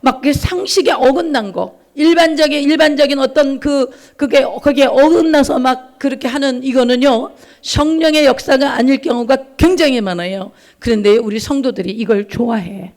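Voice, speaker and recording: A man's voice: extremely high pitch, normal speed. A man preaching a sermon as pastor, emphatic, with questions to the congregation and acted-out voices in his stories. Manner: emphatic preaching, acts out the characters in his anecdotes.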